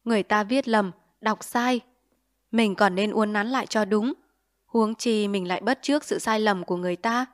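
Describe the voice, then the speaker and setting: A woman's voice: medium pitch, close to an everyday voice. A woman reading a stern, earnest father. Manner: grave, didactic, measured. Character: stern, earnest middle-aged father lecturing his son.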